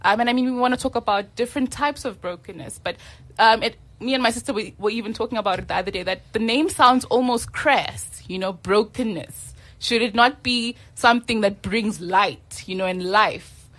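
A woman's voice: on the high side, moderate pace, a bit bright. Earnest woman explaining a faith podcast. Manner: earnest, thinking aloud with fillers. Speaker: podcast co-host. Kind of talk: casual faith talk.

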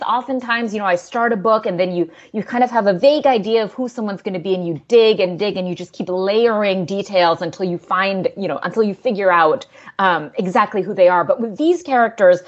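A woman's voice: medium pitch, dull audio. A woman novelist from Singapore answering interview questions in a thoughtful, conversational way, with frequent fillers and light laughs.

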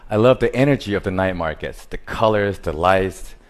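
A man's voice: low voice, normal speed. A man from Taiwan, giving a prepared stage talk about his art in simple, listing phrases with grammar.

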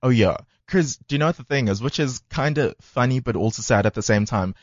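A South African man co-hosting a radio show, telling a story in a casual, animated way. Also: medium pitch, a little fast, no room sound, muffled recording. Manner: animated storyteller who acts out what others said. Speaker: radio co-host.

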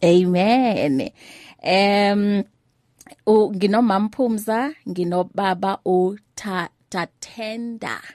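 A woman hosting a faith-based radio talk show, chatty and quick to laugh with her guests. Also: mid-range voice, darkish tone, no room sound, studio quality.

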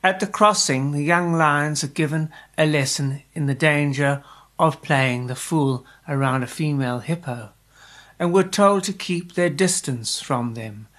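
Slow, measured male storyteller. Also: a little high, fairly bright tone. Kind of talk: scripted radio narration.

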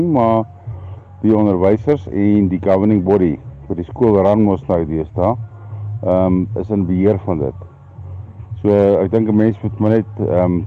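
Over a phone line, a middle-aged South African man with an Afrikaans accent gives a halting, plain-spoken account as a radio caller. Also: sits low. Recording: narrow tinny phone line.

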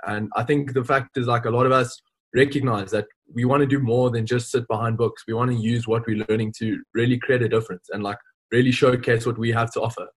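A man's voice: medium pitch, fairly even intonation, a little fast, husky. A man in his early twenties, a student founder explaining his project earnestly in a podcast interview. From South Africa. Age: 20s.

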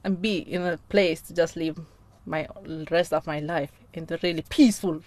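A woman from Iran whose first language is Persian, a guest in casual chat, speaking halting second-language English and laughing often. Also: lowish voice, steady tone, darkish tone.

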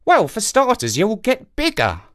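A man's voice: high-pitched, wildly swooping pitch, a little slow, a bit bright, pitched above the performer's own voice, full character voice. A man voicing a very old, clever talking crow with a chatty, knowing manner. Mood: matter-of-fact.

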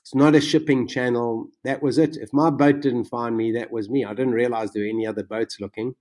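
A man telling his own survival story in conversation, animated and vivid, his voice jumping up when he relives the excitement. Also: medium pitch, a little fast. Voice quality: self-described macabre sense of humor.

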